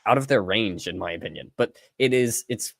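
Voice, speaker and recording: A man's voice: fairly low pitch, fairly quick, gravelly, a bit bright, no echo, studio quality. A man co-hosting a casual podcast, easygoing and enthusiastic as he chats. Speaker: podcast co-host.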